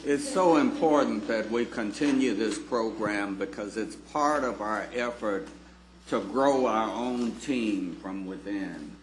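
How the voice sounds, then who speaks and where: A man giving earnest, deliberate, formal congratulatory remarks at a public meeting. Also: fairly low pitch, crowd noise. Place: indoor government meeting chamber. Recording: echoey room with faint noise.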